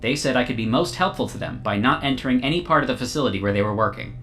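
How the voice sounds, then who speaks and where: A man voicing a too-smooth android construct. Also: medium pitch, very fast, faint music behind. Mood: calm formal. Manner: calm, formal, overly literal machine speech. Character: small glowing male AI construct, polite, literal-minded. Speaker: game master. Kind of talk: tabletop game role-play.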